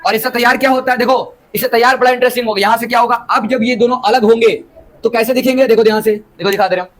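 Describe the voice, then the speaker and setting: A man's voice: very high-pitched, steady tone, quick pace, fairly bright tone, poor audio. A man teaching biology in with English terms, lecturing a class and keeping students engaged by asking them rhetorical questions. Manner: explains with homely examples.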